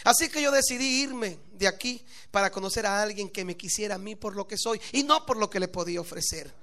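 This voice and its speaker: A male pastor voicing a calm rich young husband in a sermon story, speaking softly, slowly and reassuringly. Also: high voice. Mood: tender. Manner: soft, slow, reassuring.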